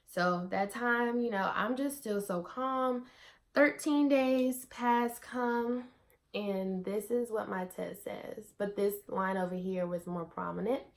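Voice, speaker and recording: A young adult woman vlogs in a medium-pitched voice at a slow pace, casually telling the camera a personal story. She's chatty, fills her speech with "like," and keeps turning aside to address viewers as "you guys."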